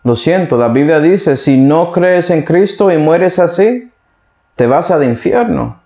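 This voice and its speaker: A man's voice: a little high, lively intonation, measured pace, a little mellow. Man preaching from the Bible in an echoey room. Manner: reads verses and breaks in with comments and "¿sí ve?". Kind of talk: sermon with Bible reading.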